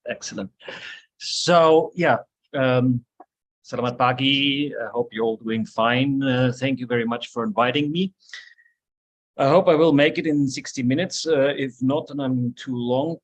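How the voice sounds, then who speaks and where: A man's voice: medium pitch, moderate pace, poor audio. German-accented male guest lecturer on a video call; easygoing delivery, lots of ums and self-restarts. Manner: relaxed, hesitant, with many fillers and restarts. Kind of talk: online seminar lecture.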